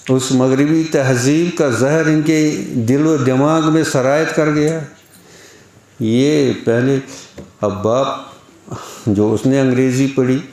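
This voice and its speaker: A man's voice: mid-range voice, warm tone. Man preaching in an echoey hall. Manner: conversational, asks the audience rhetorical questions; mimics others' speech in quoted asides. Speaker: Islamic preacher. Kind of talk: Urdu religious lecture.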